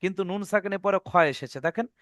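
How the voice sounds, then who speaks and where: A man's voice: sits high, very fast, fairly bright tone, dry recording, clean studio sound. A man teaching Quran recitation rules in an online lesson, patiently repeating each rule and checking that his students follow.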